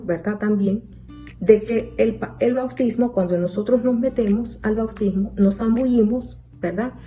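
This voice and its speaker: Slow, mellow woman preaching over soft guitar. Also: fairly high pitch. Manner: retells scripture, asks listeners "¿verdad?" and "¿ves?". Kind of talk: sermon. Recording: soft guitar music behind.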